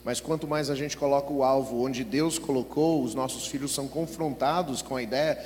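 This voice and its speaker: A man's voice: medium pitch, fairly even intonation, darkish tone. Man interpreting a sermon in a hall. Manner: quick, fluent, with small restarts. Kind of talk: live consecutive interpreting. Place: large church. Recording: echoey church hall with faint noise.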